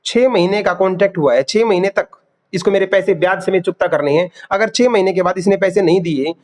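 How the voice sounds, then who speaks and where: This high-pitched, slightly mellow male voice belongs to a teacher lecturing an online class. He addresses students as "beta," repeats key terms, and fires quiz questions expecting fast replies.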